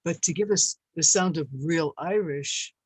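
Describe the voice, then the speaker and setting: Woman host, slow halting introductions, dry close mic on a video call. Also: low-pitched, breathy edge, no room sound, poor audio. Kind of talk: hosting a literary event on a video call.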